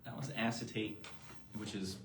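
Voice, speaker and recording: An easygoing man with a lowish voice co-hosts a live product show. He explains each item calmly with plenty of fillers. The sound is roomy, with a faint hum behind it. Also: moderate pace. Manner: easygoing and informative, with frequent fillers. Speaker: co-host presenting eyewear.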